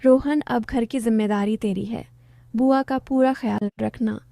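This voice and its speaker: Woman reading a businesslike uncle: plain delivery, mellow, dry close mic. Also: fairly high pitch, fairly even intonation, measured pace, creaky, no room sound. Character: matter-of-fact middle-aged uncle.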